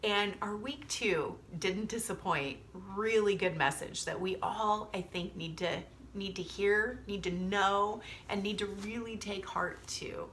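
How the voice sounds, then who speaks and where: A woman's voice: medium pitch, unhurried, few pauses, a bit bright, a little hiss or hum. A woman speaking as a youth group leader, giving an informal, earnest sermon message and addressing her listeners directly.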